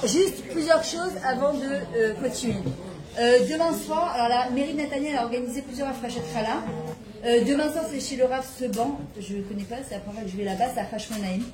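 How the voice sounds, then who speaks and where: Speaking fast in a fairly high voice, a woman delivers a fervent spiritual talk to women gathered at a private home, where she teaches religion. She keeps asking rhetorical questions, and the rough, roomy recording picks up crowd noise.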